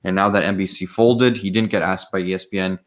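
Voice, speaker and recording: Low-voiced young podcast host. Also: male voice, fairly even intonation, fast talker. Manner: laughs easily, leads topics. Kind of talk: casual sports chat.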